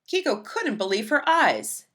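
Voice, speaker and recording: A woman reads a children's picture book aloud, telling the story expressively. Her voice sits a little high, and she takes her time.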